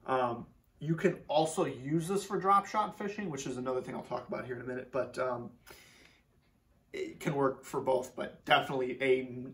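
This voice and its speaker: Sitting indoors in a garage workshop, a young fishing-channel host from Minnesota casually walks through his tackle. He has a medium pitch and sounds far off, since the camera sits a few feet away, and he talks in a relaxed way with plenty of fillers and repeated words for emphasis.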